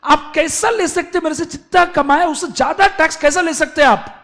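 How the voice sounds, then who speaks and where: A man's voice: very high voice, brisk, fairly bright tone, pitched above the performer's own voice. A man voicing a distressed male taxpayer who whines and complains indignantly. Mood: pleading. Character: distressed male taxpayer wailing over taxes.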